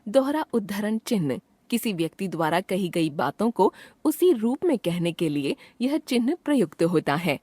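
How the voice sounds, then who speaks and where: A woman narrating a scripted grammar lesson in a precise, measured textbook-reading manner. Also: medium pitch, very animated, dark tone, slightly rough, no echo.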